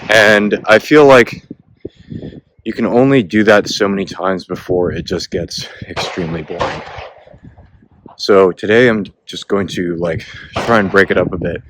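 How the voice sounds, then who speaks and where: A man with a very low voice rambles casually to his camera as he hikes an outdoor trail, a little out of breath. It is a noisy outdoor recording with gunfire popping in the distance. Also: a little slow. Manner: rambling, laid-back, lots of filler words. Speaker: vlogger. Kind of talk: casual vlog talk while hiking. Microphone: self-filming camera. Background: distant gunfire from a shooting range.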